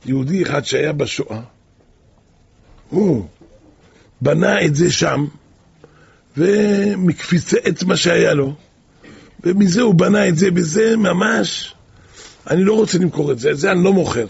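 A stubborn old shopkeeper, as a storyteller puts him on, refusing with a rough, gravelly rasp and a fairly high voice. The recording sounds dull and lo-fi. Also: male voice, long pauses, no room sound, full character voice. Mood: insistent. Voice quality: raspy, gravelly. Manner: insistent, refusing. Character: stubborn old male shopkeeper guarding a relic.

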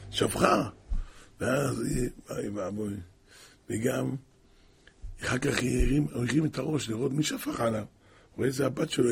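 Gravelly, raspy man telling a story. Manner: dramatic, with sudden high exclamations and hushed drops. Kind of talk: animated religious storytelling.

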